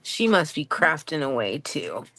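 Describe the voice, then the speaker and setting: A woman's voice: sits low, sing-song, measured pace, fairly bright tone. Woman, livestream host, casual chat, playful, faint background noise. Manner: chatty, playful, reads out viewers' names. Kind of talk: casual chat on a live stream.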